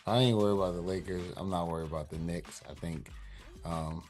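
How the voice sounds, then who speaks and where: Man, sports podcast co-host, low voice, relaxed, laughs easily. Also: brisk. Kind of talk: casual sports chat.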